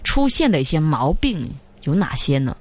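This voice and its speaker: Radio lesson host, chatty, filler-heavy, medium pitch. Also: big pitch swings, normal speed, darkish tone. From Hong Kong. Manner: chatty, easily laughs, many filler particles. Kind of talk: hosting an educational radio show.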